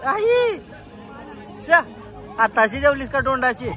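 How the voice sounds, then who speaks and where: A young man vlogging casually with his family, lively and teasing as he calls out to the people around him. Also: extremely high pitch, slow pace, soft background music, a faint crowd. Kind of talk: casual family vlog chat.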